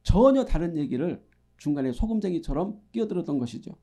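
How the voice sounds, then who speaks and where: A middle-aged man delivering an earnest sermon as a pastor. His voice sits a little high and is very bright and crisp. He moves between emphatic calls and quiet asides. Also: very animated, fast.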